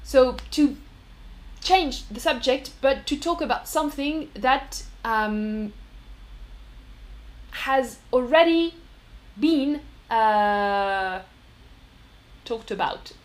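A French woman with a high voice teaches a language lesson on a live stream. She speaks slowly, repeating each phrase patiently and answering viewers' comments. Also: lively intonation. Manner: reads viewers' chat comments aloud.

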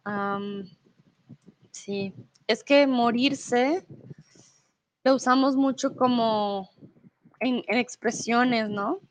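Young female Spanish teacher, live stream, reads chat and explains patiently, a touch high, takes her time. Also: slight background noise. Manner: friendly, slow and explanatory, switching into English to explain. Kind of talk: live online lesson reading viewer comments.

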